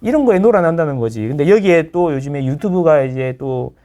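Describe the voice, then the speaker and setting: A middle-aged real estate lecturer appears as a guest in a casual chat, explaining ideas through everyday analogies and acting out the people he quotes. His voice is fairly high-pitched, expressive, brisk and mellow.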